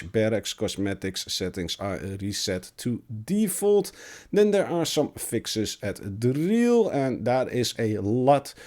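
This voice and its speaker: Guy doing game patch news, mellow dark voice but sick so it cracks, trips over words a bit. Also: mid-range voice. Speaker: gaming video creator. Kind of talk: patch notes commentary, reading aloud with remarks.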